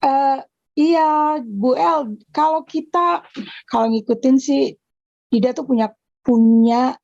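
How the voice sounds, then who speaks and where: A woman calling in over a video call, telling a personal story haltingly, repeating words and mixing in English phrases. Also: high-pitched, creaky, a little mellow, no room sound. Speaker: caller asking a question. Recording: dull, dry lo-fi call audio.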